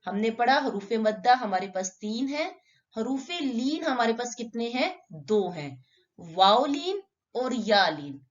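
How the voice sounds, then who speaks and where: A woman's voice: fairly high pitch, big pitch swings, measured pace, highs cut off. Patient woman teaching Quran recitation. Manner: explains patiently, draws out sample syllables, asks and answers her own questions. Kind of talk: step-by-step recitation lesson.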